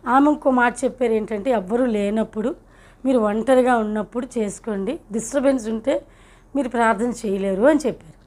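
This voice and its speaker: A woman's voice: a little high, brisk, darkish tone. A middle-aged woman from India telling her personal testimony in an earnest, emotional way. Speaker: testimony speaker.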